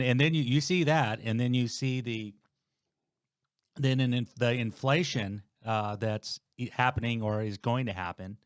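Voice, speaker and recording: Rambling man pushing sixty, low voice. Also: no room sound, clean studio sound. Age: 50s. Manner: rambling, restarts, thinking aloud. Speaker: guest, host's father. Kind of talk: casual podcast chat.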